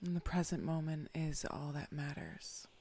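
A meditation guide leading a guided meditation, often whispering soft, calm instructions. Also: mid-range voice, moderate pace, gravelly.

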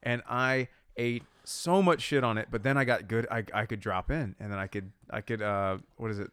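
A man's voice: on the low side, normal speed, fairly bright tone, clean tone, no room sound, studio quality. A man in his thirties chatting casually as a podcast co-host, rambling and joking crudely with lots of restarts. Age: 30s. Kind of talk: casual chat.

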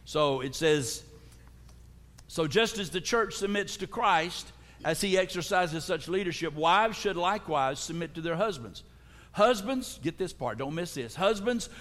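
A man's voice: a little high, a bit bright. A man preaching a sermon as pastor, joking and calling out to his congregation. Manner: humorous, calls out to the congregation. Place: church sanctuary. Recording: long echoing church reverb.

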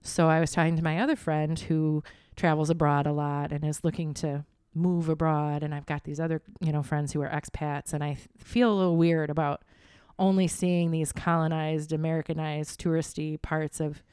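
A woman's voice: low voice, little pitch movement, normal speed, a little mellow, clean tone, no echo. A woman in her forties co-hosting a podcast from a home dining room studio, chatty and laughing often as she tells stories. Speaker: podcast co-host. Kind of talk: casual chat.

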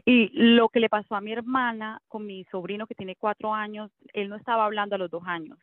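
A woman's voice: medium pitch, steady tone, fairly quick, dry recording. A woman chatting casually about raising her daughter, dropping English fillers into her speech. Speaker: guest, mother. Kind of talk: casual conversation. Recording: thin phone-like dry audio.

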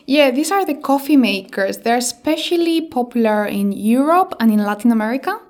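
Higher-pitched chatty Spanish woman podcaster. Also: lively intonation, a little fast, darkish tone. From Spain. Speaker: podcast co-host. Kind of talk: casual conversational podcast chat.

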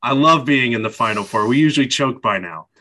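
A man's voice: medium pitch, animated, fairly quick, bright, forceful tone. A man hosting a podcast in a laid-back, easygoing way, laughing along with his guests. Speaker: podcast host. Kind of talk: casual podcast chat.

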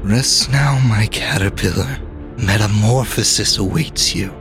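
A man voicing a mysterious cloaked spirit woman who speaks in a dreamy, hushed, slow voice. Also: lowish voice, vocal fry, over music, voice pushed up. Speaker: game master.

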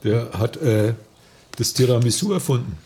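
A man's voice: mid-range voice, normal speed, a little mellow, slight background noise. A man in casual conversation as a podcast co-host, rambling and joking between asides. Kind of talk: casual chat.

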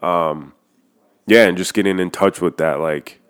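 Casual podcast guy, very deep voice, rambling and open, swears freely. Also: unhurried, clean tone. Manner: loose and candid, heavy use of "like", swears freely. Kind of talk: casual personal chat.

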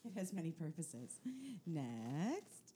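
A woman's voice: low-pitched, very animated, slow pace. A woman co-hosting a podcast in a casual, conversational style. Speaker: podcast co-host. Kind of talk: casual chat. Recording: faint background noise.

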